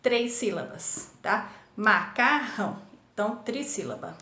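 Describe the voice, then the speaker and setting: Speaking a little slowly in a fairly high, animated voice, this woman is a primary school teacher working remotely with young children. With her São Paulo Brazilian Portuguese accent, she breaks words into syllables, encouraging and patient throughout, in an echoey room.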